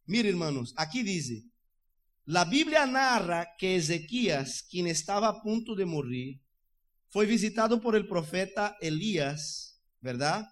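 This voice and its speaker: Male preacher, high voice, fervent and chatty, keeps checking in with the congregation. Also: expressive, a little slow, a bit bright. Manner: fervent, loose and conversational, often asks "¿verdad?". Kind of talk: sermon. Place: church in the United States.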